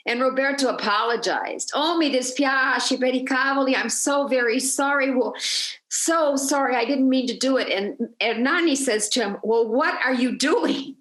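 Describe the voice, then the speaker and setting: A woman guides a virtual tour and tells a story with energy, acting out each quoted voice. Her voice sits a little high. The sound carries a noticeable room echo. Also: moderate pace, fairly bright tone.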